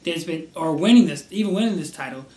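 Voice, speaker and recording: A man co-hosting a casual wrestling podcast, rambling through his picks with many pauses and restarts. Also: on the high side, lively intonation, mellow. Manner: rambling, lots of fillers and restarts. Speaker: wrestling show co-host. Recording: roomy echo with faint noise.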